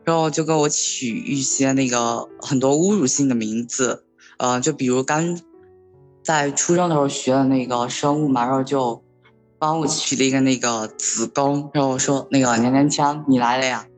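A sixteen-year-old boy telling a personal story in a hesitant, halting way, with many fillers. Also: medium pitch, soft background music. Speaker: story guest.

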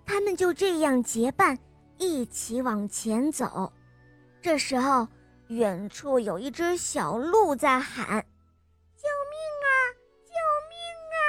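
A woman reads a children's bedtime-style story in a gentle, expressive way, speaking directly to the kids. Her voice is high and her pace slow and deliberate. The recording is close and dry, with soft music faintly in the background.

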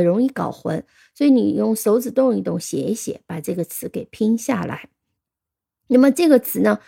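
A woman gives a spoken English vocabulary lesson, patiently explaining words and spelling them out letter by letter while switching between Chinese and English and using frequent fillers. Her voice is on the high side, creaky and dark-toned.

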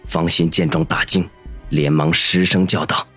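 Very deep-voiced male narrator. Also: little pitch movement, normal speed, fairly bright tone, slightly rough, soft background music. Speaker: audiobook narrator. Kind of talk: scripted narration.

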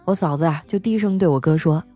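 A young woman host tells comic stories in an animated, teasing way and laughs often. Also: low-pitched, quick pace, soft background music. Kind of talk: comic storytelling monologue.

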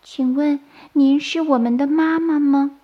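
A woman doing squeaky little baby turtles. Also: steady tone, unhurried, dull audio. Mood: polite asking. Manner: high, childlike and polite. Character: small curious baby turtles, polite and eager.

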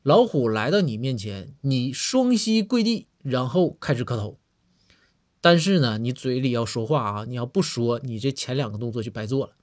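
A man's voice: medium pitch, lively intonation, normal speed, lightly acted. A man doing a pompous lecturing magistrate. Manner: self-assured and lecturing. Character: pompous older male magistrate Lord Bao.

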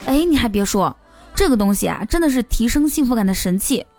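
A woman's voice: a little high, lively intonation, brisk, a little mellow, faint music behind. A woman hosting a playful comic monologue with teasing jokes. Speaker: host.

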